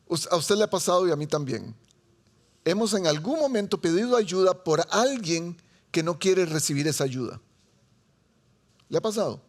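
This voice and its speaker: A man with a Costa Rican accent preaching a sermon to a seated congregation, chatty and joking with them. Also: sits high. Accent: Costa Rican Spanish. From Costa Rica. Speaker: pastor. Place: church sanctuary before a seated congregation.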